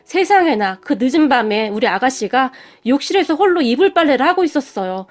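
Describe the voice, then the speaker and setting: Brief: high-pitched woman storyteller, dramatic, emotional scripted narration. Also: big pitch swings, fairly quick. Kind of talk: scripted first-person narration.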